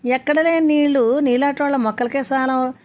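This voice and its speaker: A woman's voice: sits high, steady tone, moderate pace, a little mellow, voice pushed up, natural voice. A woman voicing a poor, outspoken village woman who talks back in a defiant, rustic way.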